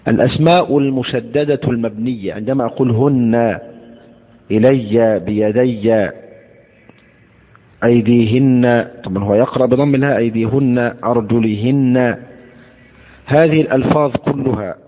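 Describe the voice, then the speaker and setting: A male teacher explaining recitation rules in a slow, deliberate lecture, repeating words to show how they are pronounced. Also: mid-range voice. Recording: tinny phone-like lecture recording in a hall.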